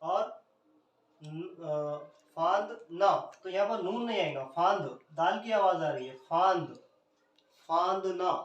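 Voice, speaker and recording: A man's voice: sits high, a little slow, recorded from a distance, muffled recording. A man teaching an Urdu poetry scansion lesson, spelling out letters one by one in an Indian Urdu accent. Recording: roomy echo, speaker off the mic.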